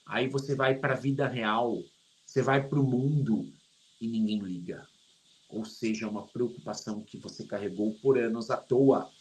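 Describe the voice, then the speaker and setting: A middle-aged man with a Brazilian Portuguese accent, teaching English in an online lesson, joking and stretching English words out slowly to show their pronunciation. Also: medium pitch, fairly even intonation, darkish tone, poor audio.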